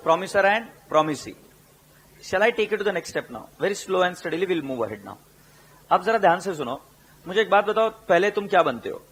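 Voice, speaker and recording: Slow-speaking male teacher. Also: high-pitched, fairly bright tone, breathy edge, rough recording. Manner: mixes Hindi and English, asks students questions; repeats terms slowly for dictation. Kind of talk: classroom lecture.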